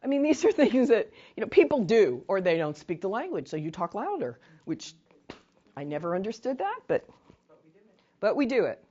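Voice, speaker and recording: A woman's voice: mid-range voice, moderate pace, lo-fi sound. A woman leading a training session, talking in a chatty way and telling stories with asides. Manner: chatty, animated storytelling with asides. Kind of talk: casual training lecture. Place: meeting room.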